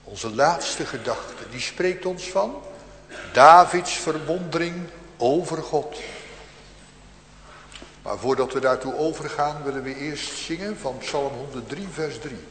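A man's voice: fairly high pitch, slow, a bit bright, slight background noise. A man preaching a solemn sermon that swells into fervent outbursts. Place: church. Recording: echoey church hall.

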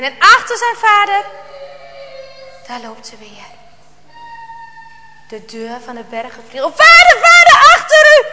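A woman reading a children's Bible story aloud in a dramatic, slow storytelling manner, dropping to a hush at tense moments. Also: very high-pitched, big-room sound.

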